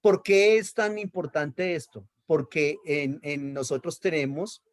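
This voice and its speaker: A man's voice: on the high side, unhurried. A man teaching a Bible lesson on Hebrew accent marks, explaining patiently, repeating key terms and checking in with his listeners.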